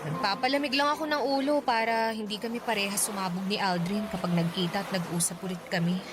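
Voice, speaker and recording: In a radio drama, an actress plays a troubled but affectionate young girlfriend in a love story, pleading earnestly. Her natural, mid-range voice holds a steady tone at a fast pace, and background noise is clearly audible in the recording.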